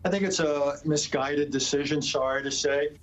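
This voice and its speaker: A man appearing as a foreign policy expert guest, answering bluntly with halting restarts. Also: a little high, poor audio. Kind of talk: interview answers.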